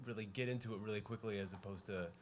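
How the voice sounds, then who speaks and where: A man's voice: fairly low pitch, steady tone, very fast. A man working as a reporter, asking long, informally worded interview questions. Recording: some room noise behind.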